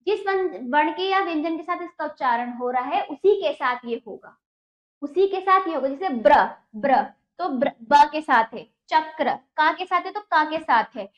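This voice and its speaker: A woman's voice: high-pitched, lively intonation, normal speed, few pauses, reverberant, muffled recording. A woman teaching a Hindi lesson to children, patiently asking questions and answering them herself.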